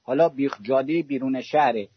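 A man's voice: mid-range voice, breathy edge. A man from Iran calling in to a talk show and ranting with fiery sarcasm, like he is making a speech. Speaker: caller. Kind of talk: impassioned call-in rant. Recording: dull dry call-in audio.

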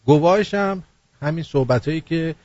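Husky-voiced man hosting a joking show. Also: fairly high pitch, a little mellow, no room sound, dull audio. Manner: jokey, mocking, recites rhyming verse. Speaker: host. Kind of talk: satirical show, reading listener messages and verse.

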